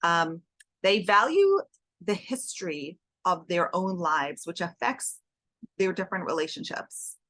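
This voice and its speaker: A woman's voice: lowish voice, lively intonation, unhurried, a bit bright, no room sound. A woman giving a spiritual class, earnest and storytelling, often repeating words for emphasis. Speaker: Torah teacher. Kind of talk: spiritual class on the Hebrew months.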